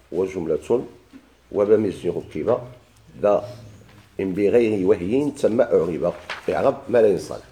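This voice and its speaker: A man's voice: fairly low pitch, dark tone. A man with a Moroccan Arabic accent teaching a classical grammar lesson. He quotes verses, then explains them step by step and puts questions to his students.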